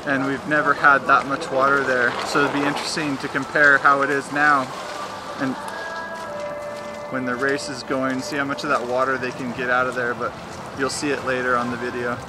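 A man's voice: mid-range voice, little pitch movement, moderate pace. Chatty man vlogging outdoors, noisy background. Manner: chatty, jokey, narrating while walking. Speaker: filmmaker documenting a race. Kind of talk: casual vlog narration. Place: outdoors at a rainy race course. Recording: noisy outdoor ambience with traffic.

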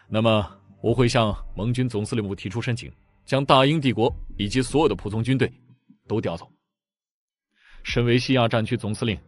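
A man voicing a cold, scornful Chinese army commander who lectures in a stern, even tone. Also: mid-range voice, lightly acted.

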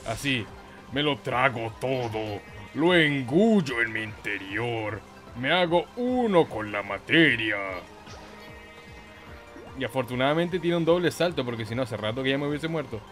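A gaming YouTuber with a Chilean Spanish accent and a mid-range, fairly bright voice gives casual gameplay commentary over video game music. He's expressive and unhurried, joking, swearing, singsonging and throwing in silly sound effects.

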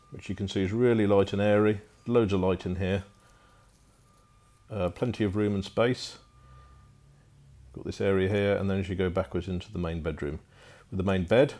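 Gravelly low-voiced man touring a boat. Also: darkish tone. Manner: casual, unscripted, frequent "uh" fillers. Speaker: boat broker. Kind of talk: walkthrough tour narration. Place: inside a wooden barge cabin.

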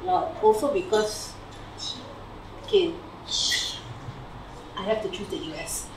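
This young Malaysian woman, with a Malaysian English accent, has a medium-pitched, gravelly, darkish voice with big pitch swings, and she takes it slowly. She informally presents her PhD research to friends in her living room with a slide on the TV, chatty and full of fillers, "lah" and "right?". A far camera across the room records roomy, distant audio with faint hiss.

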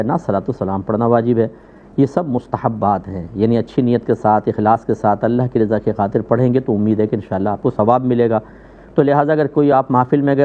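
A man from Pakistan, a mufti, calmly answering religious questions in a measured, methodical way. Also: medium pitch. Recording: phone-like narrow band.

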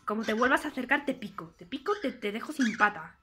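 A woman's voice: fairly high pitch, animated, quick pace, noisy background, pitched below the performer's own voice, natural voice. A woman with a Spain Spanish accent voicing a foul-mouthed, territorial male pet bird who swears and threatens. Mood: furious.

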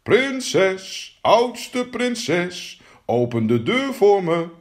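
A man's voice: medium pitch, huge pitch swings, normal speed, darkish tone, husky. A man voicing a small, persistent male frog in a storybook fairy tale, who keeps pleading. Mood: squeaky pleading. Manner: insistent, repeats his calls.

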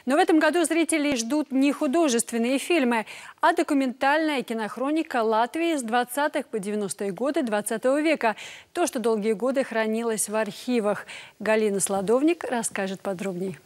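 Middle aged lady reading tv news, pretty high voice, studio. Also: brisk, a little mellow. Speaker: news presenter. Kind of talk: scripted news presenting.

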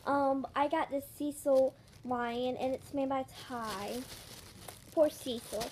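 A young girl hosts a casual haul vlog in a small bedroom, speaking close to a phone camera. Her voice sits high and she chats loosely, giggling and stumbling over words. The home recording carries clear background noise. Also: steady tone, takes it slowly, darkish tone. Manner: chatty, giggly, restarts often. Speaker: vlog host. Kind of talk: casual haul video chat. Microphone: handheld phone camera close up.

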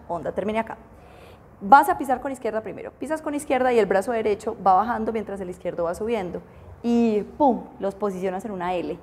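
A woman's voice: fairly high pitch, a little mellow, slight background noise. Woman dance teacher counting out steps. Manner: counts beats aloud, checks in with "¿listo?". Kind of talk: dance class instruction with counting.

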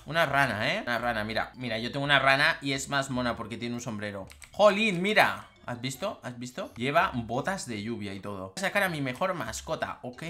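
A woman's voice: extremely low pitch, expressive, fairly quick, few pauses, pushed and bright. A woman doing teasing, exclamation-filled gameplay commentary for her video channel. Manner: teasing, exclaiming, laughing at opponents. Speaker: gaming YouTuber.

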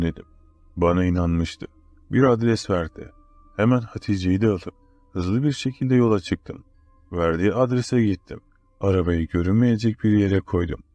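Deep-voiced man narrating horror. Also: dark tone, no room sound. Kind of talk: scripted first-person horror narration.

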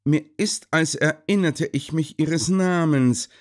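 A man voicing a calm, shrewd detective who talks in a measured, thoughtful way. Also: fairly high pitch, pitched above the performer's own voice. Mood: explaining.

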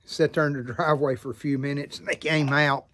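A man in his fifties with an American Southern accent, chatting to camera in an unhurried, folksy, rambling way. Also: fairly high pitch, steady tone, fairly bright tone, a little hiss or hum. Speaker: vlogger and hobby pipe maker. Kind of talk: casual chat to camera. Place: outdoors by a farm field.

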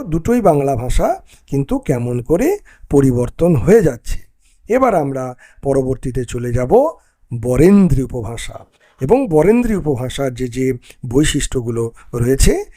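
A male teacher giving a recorded exam-prep lesson, explaining step by step and often pausing with "ah" between points. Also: a little high, warm tone.

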